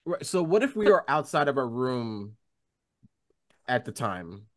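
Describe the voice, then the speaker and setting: A man's voice: mid-range voice, sing-song. A man playing a tabletop game in casual improvised chat, repeating himself and searching for words. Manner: halting, repetitive phrasing.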